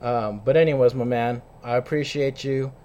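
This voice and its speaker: A man's voice: medium pitch, fairly even intonation, normal speed, a little mellow. Slangy man hosting a podcast. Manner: slangy, swearing, chummy. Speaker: podcast host. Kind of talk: casual interview chat.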